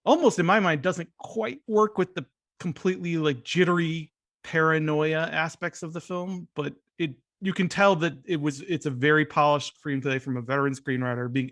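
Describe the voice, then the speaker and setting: A man's voice: on the high side, fairly bright tone. A man co-hosting a film podcast, chatting casually about movies with frequent restarts. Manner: conversational, frequent restarts and hedges. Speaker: film critic podcast host.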